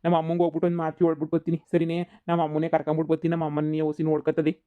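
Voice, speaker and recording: A tired village husband from a cartoon comedy, as a woman acts him out. He grumbles and complains in quick, rushed bursts. He sounds worn down. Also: low voice, completely flat delivery, narrow, tinny audio, natural voice. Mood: grumbling.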